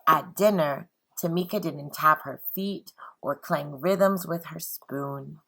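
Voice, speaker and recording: A woman teacher reading aloud and speaking to children in an expressive, encouraging, deliberate way. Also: deep voice, gravelly.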